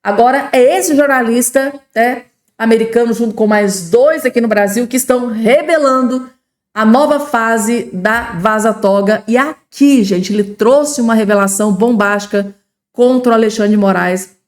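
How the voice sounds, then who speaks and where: A woman's voice: a little high, moderate pace. A Brazilian-accented woman giving informal news commentary to viewers, emphatic and repetitive, with colloquial tags.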